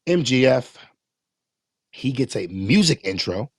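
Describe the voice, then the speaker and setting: A man casually recapping and reviewing a wrestling show, animated, swearing freely and acting out quotes. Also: medium pitch, slow pace, breathy edge, no room sound, clean studio sound.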